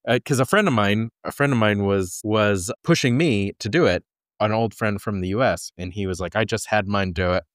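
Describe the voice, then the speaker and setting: A man in his forties chats casually as a podcast co-host, with a lowish voice. He slips in dry, teasing jokes and tells stories at a relaxed pace. The recording is close and dry. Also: dry recording. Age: 40s. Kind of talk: casual chat.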